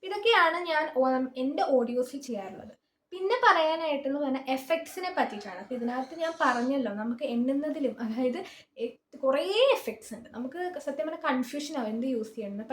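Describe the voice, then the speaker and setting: A woman explains how she records song covers in a relaxed, chatty way, often pointing things out as she goes. Her voice is high and she talks quickly. The sound carries the ring of a small closed room. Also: echoey room, slight background noise. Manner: chatty and informal, often saying "see" while showing things. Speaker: singer giving an app tutorial. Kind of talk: casual screen-recorded tutorial.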